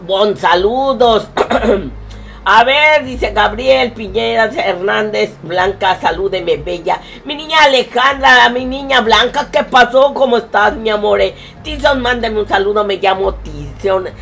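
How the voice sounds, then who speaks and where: A woman's voice: mid-range voice, slow pace, creaky, a bit bright, faint music behind. A woman with a Mexican accent, streaming a game live and fondly greeting viewers in chat. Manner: affectionate, calls viewers "my love", sings snatches.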